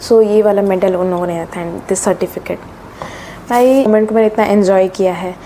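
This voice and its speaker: A teenage girl from Odisha chatting casually in a vlog, slipping English phrases into her talk and getting excited as she tells stories. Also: medium pitch, moderate pace, a little hiss or hum. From Odisha, India. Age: teens. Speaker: student vlogger.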